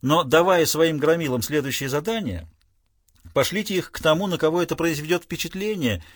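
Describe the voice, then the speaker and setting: A young man, curt and scornful, hurling warnings and cold advice, as a man reads him. The voice sits slightly high and moves with lively emphasis. It is dry and close. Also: fairly quick, no echo.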